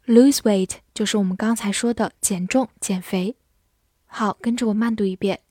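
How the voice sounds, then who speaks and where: Slow, deliberate female English teacher. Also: medium pitch, mellow, dry recording, studio quality. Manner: clear, deliberate, spells words letter by letter. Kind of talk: slow scripted vocabulary lesson.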